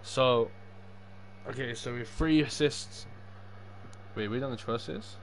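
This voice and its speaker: A man's voice: medium pitch, takes it slowly. A young man chatting casually on a gaming livestream, sweary and full of matey slang. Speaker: livestreaming gamer. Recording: clear background noise.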